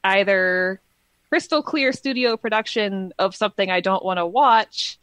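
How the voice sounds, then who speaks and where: A woman's voice: medium pitch, fairly bright tone, no echo. A woman co-hosting a podcast review in casual chat, enthusiastic and talkative, laughing often. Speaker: podcast co-host.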